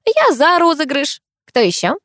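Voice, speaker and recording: A woman's voice: high-pitched, sing-song, a little slow, fairly bright tone, no echo, clean studio sound, voice pushed up, full character voice. A woman reading a playful, teasing young woman friend in an audiobook. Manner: teasing, giggly.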